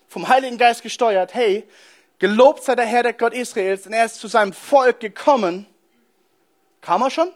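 A man giving a conversational sermon, telling stories animatedly and speaking straight to his listeners. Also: high voice. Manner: animated storytelling, addresses listeners directly. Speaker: preacher.

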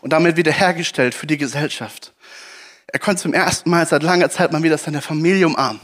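A man with a notably high voice delivers a sermon from Germany. He tells the story vividly, jumping into shouts and pleading voices for the people in it, then easing back to quiet, encouraging words. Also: quick pace. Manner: animated storytelling, acts out shouts and pleas. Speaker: preacher.

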